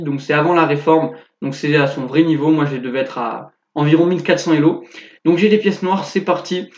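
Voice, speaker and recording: A young man casually commenting on one of his own chess games, thinking aloud with fillers and quick self-corrections. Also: on the high side, darkish tone. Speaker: chess youtuber analyzing his own game. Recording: echoey, dull lo-fi sound.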